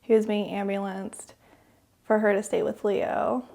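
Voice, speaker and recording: A young woman co-hosting a podcast, telling a personal story haltingly with many fillers, sometimes dropping to a whisper. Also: medium pitch, little pitch movement, creaky, dark tone. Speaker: podcast co-host.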